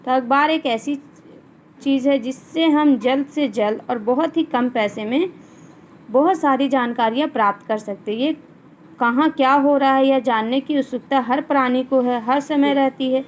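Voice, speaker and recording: Female teacher, high voice, online class lesson; slow verse reading followed by plain explanation. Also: slight background noise, rough recording. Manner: recites verse lines slowly, then explains them plainly. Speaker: Hindi teacher.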